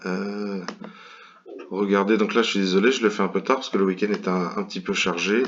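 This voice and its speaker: A man's voice: deep voice, fairly even intonation, a little fast, highs cut off, a little hiss or hum. A man from France commentating an online bridge tournament in a casual, hesitant way, with many fillers and restarts.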